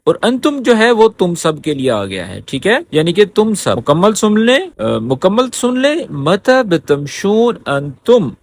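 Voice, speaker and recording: A man teaching spoken phrases in a lesson. He explains patiently, repeats each phrase slowly and keeps checking that the listener has understood. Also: sits high, huge pitch swings. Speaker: Arabic teacher.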